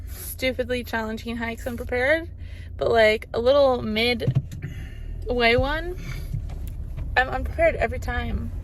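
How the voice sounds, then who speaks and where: A woman's voice: fairly high pitch, slight background noise, low-quality recording. A young woman narrating a casual road trip vlog, chatty and leaning on filler words. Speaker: travel vlogger. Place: road trip, in a car and at a campsite outdoors.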